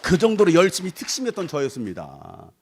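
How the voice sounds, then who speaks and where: Male pastor, middle-aged, from North Jeolla. High, very lively voice, playful storytelling sermon with crowd banter. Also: a little fast, a little hiss or hum. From Korea, North Jeolla. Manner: animated and playful, sings snatches of song and acts out voices; jokes with the congregation and asks them to raise hands. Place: church sanctuary.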